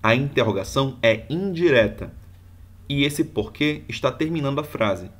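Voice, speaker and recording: A man's voice: medium pitch, lively intonation, moderate pace. A male teacher explaining grammar rules step by step, using example sentences. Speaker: Portuguese teacher. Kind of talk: video grammar lesson.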